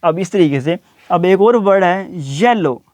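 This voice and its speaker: High-voiced man teaching pronunciation. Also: expressive, darkish tone, no room sound. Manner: repeats each word slowly several times. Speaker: English teacher. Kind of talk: explaining pronunciation to learners.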